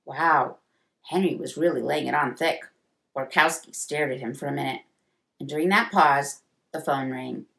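A woman, a children's librarian, reading a storybook aloud with expressive voices for the dialogue. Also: sits low, moderate pace, gravelly.

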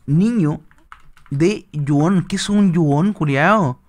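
High-voiced Chilean streamer, swearing freely. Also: male voice, very slow. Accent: Chilean Spanish. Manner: crude, swearing, talking to chat. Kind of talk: live reaction stream chat.

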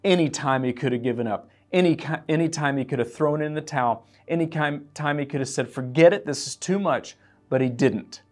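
A pastor preaching an earnest, emotional sermon and reading scripture aloud. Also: male voice, fairly high pitch, brisk. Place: church.

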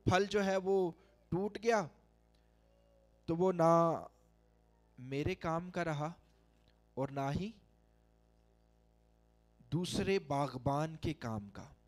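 A middle-aged Pakistani pastor with a Pakistani Urdu accent preaches a sermon in a large church hall, holding a handheld mic and making emphatic calls to the congregation. His voice is fairly high, and he speaks slowly with frequent pauses.

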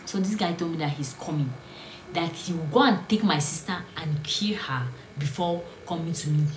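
A young woman, telling her own story in a storytime vlog, earnest and often sinking to a hushed whisper. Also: sits low, moderate pace, a little hiss or hum. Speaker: vlogger. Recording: roomy echo, faint ambience.

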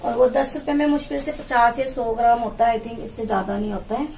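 Briskly and in a fairly high, slightly mellow voice, a woman in her thirties chats through a casual home vlog about her groceries, explaining as she handles jars and bags. She's a housewife vlogger filming in a small tiled room with a wooden door, with slight background noise.

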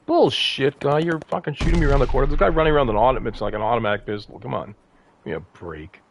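A man's voice: mid-range voice, very fast, slight background noise. A grumpy man griping and swearing casually as he plays a video game. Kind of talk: casual gameplay chat with profanity. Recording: voice chat buried in loud game gunfire. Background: loud video game gunfire.

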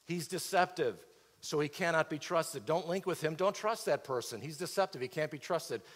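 Middle-aged pastor preaching in a hall. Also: male voice, fairly high pitch, animated, moderate pace. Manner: expository preaching with rhetorical questions, pacing the stage. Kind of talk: sermon. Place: large church auditorium stage. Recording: reverberant church hall.

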